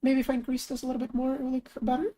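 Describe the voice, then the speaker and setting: Here a young woman who streams and makes art talks at a racing pace while working live, casual and thinking out loud. Her fairly high voice is mellow and a touch lower than usual today, with occasional excited greetings that jump up high.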